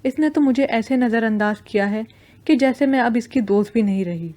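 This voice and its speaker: Fretful young female student, hesitant, lovesick, mellow fairly high voice, from a narrator. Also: natural voice. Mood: anxious.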